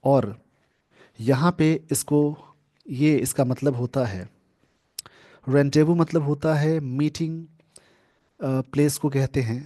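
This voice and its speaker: A man teaching English grammar from a newspaper, explaining slowly and repeating key words. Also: fairly high pitch, mellow. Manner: slow, repetitive explaining, mixing English terms into Hindi.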